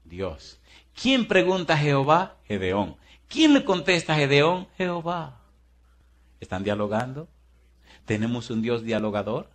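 A man's voice: sing-song, unhurried. A man preaching a sermon as pastor, firing rhetorical questions at the congregation in a folksy, teasing way. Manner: swings between booming and hushed.

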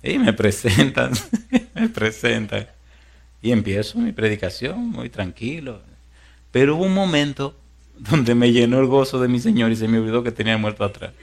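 Animated preacher telling a funny story. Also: male voice, medium pitch, normal speed, vocal fry. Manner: animated storyteller, swings from hushed to loud. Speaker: pastor. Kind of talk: sermon with humorous storytelling.

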